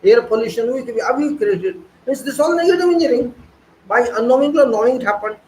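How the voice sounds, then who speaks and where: A man's voice: extremely high pitch, animated, fast, darkish tone, reverberant, a little hiss or hum, poor audio. A man giving an online engineering lecture, preaching emphatically with rhetorical questions and repeated phrases.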